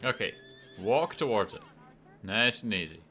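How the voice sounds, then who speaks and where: A man's voice: fairly low pitch, animated, normal speed, bright, forceful tone, a little hiss or hum. A Scottish man chatting casually while streaming a game and reading chat aloud. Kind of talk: casual gameplay commentary.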